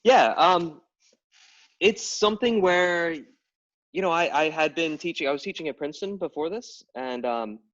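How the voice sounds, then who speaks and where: A middle-aged man with a fairly high, expressive voice and a fairly bright tone talks at normal speed. This game writer and anthropologist from Tidewater, Virginia gives lengthy explanations in a casual interview, full of fillers and restarts, recorded as distant, dull lo-fi live stream audio.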